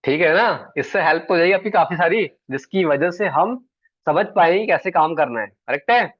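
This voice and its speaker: A man's voice: a little high, animated, normal speed, dry recording. A man teaching an online sales class, chatty and always checking in with his students. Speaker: sales trainer. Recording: dull, dry online call audio.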